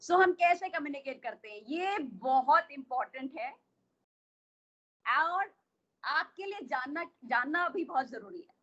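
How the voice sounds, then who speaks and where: Indian lady coach explaining stuff in an online class, high bright voice, kinda dull lo-fi sound. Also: lively intonation, unhurried. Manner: explains patiently with many questions to listeners. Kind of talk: online workshop lesson.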